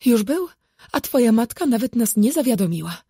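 A woman's voice: fairly high pitch, very animated, moderate pace, dark tone, slightly rough, dry recording, clean studio sound, voice pushed up, heavily acted. A woman voicing a fussy, scheming middle-aged mother in an audiobook, who talks dramatically and drops into conspiratorial whispers. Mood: dramatic. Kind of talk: audiobook character voice.

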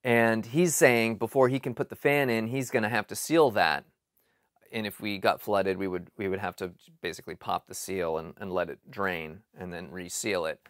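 A man in his forties explains a basement project in a relaxed vlog, thinking aloud with frequent ums and restarts, recorded in a cluttered basement. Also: lowish voice, normal speed, no room sound, clean studio sound. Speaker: home improvement vlogger. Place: cluttered basement storage area.

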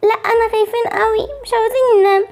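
Woman putting on little egyptian girls, super high and quick, whiny and begging, game movie. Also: steady tone, a little mellow, faint music behind. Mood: scared, pleading. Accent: Egyptian Arabic. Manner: whiny, pleading. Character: frightened little girls, a mother's daughters. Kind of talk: amateur game-movie voice acting.

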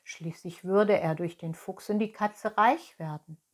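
A woman reading a children's book aloud, calm and expressive, with brief asides to her listeners. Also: lowish voice, a little slow. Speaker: storyteller, children's story host.

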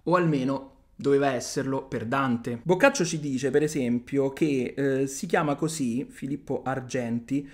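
A man with an Italian accent giving a video lesson, reading old verses aloud and paraphrasing them plainly. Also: on the high side. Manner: reads verses then explains them plainly. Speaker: literature teacher.

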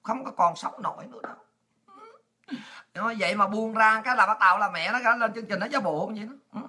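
A woman's voice: medium pitch, brisk, bright, forceful tone, breathy edge. A woman, delivering a blunt, scolding political monologue full of exclamations and coarse slang. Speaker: political commentary host. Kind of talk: impassioned monologue.

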